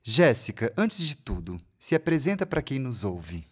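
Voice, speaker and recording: A man's voice: mid-range voice, very animated, moderate pace, noisy background. A man co-hosting a podcast from a radio studio, introducing the episode in a scripted, announcing way. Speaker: podcast co-host. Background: music.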